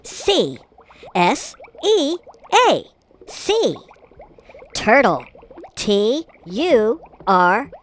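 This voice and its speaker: A woman hosting a children's spelling video, giggling often and talking in an excitable, sing-song way. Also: fairly high pitch, drawn-out words, long pauses. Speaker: host of a kids' spelling video. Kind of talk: playful children's spelling narration.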